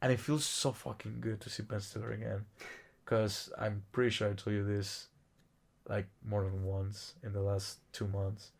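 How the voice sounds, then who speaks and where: Casual rambling man, low voice. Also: flat delivery, moderate pace, creaky. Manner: rambling, swears freely, laughs often. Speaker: podcast co-host. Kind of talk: casual chat.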